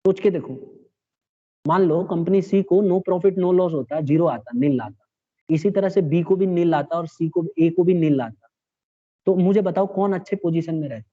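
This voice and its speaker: A man's voice: high-pitched, moderate pace. A man teaching a classroom lecture, explaining step by step and checking in with his students. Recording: dull lo-fi classroom recording.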